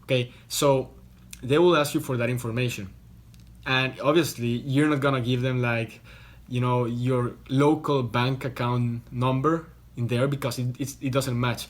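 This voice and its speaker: A man's voice: mid-range voice, steady tone, a little slow. A young man from Costa Rica, talking casually to camera from a hotel room, explaining things in a chatty way and often restarting his words. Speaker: online business vlogger.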